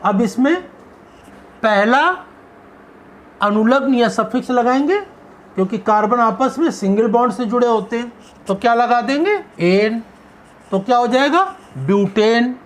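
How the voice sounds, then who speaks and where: A male chemistry teacher giving a classroom lecture. He poses questions and answers them himself, stretching out the key terms. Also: very high voice.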